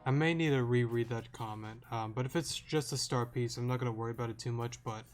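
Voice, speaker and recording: A man's voice: medium pitch, fast. A young man giving casual gameplay commentary as a let's-play gamer, rambling and hesitant with lots of ums and self-corrections. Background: faint game music.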